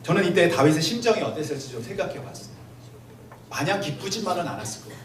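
A male pastor delivers a Sunday sermon, his slightly high voice carrying through a roomy sanctuary from some distance off the mic. Faint noise sits under the recording. He speaks straight to the congregation and slows down when he reads scripture. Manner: addresses the congregation directly, reads scripture aloud slowly; acts out everyday dialogue in lively voices. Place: church sanctuary.

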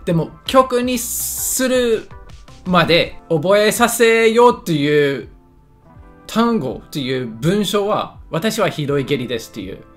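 A man's voice: high-pitched, expressive, takes it slowly, soft background music. A man giving casual, joking commentary on a lesson video, often stumbling over his words and making fun of himself. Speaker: YouTuber reacting to a lesson video.

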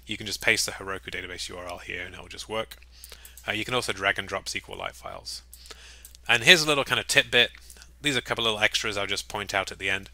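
A man giving a casual, upbeat screen-recorded software tutorial, with chatty, jokey asides. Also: fairly low pitch, no room sound. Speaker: software walkthrough presenter.

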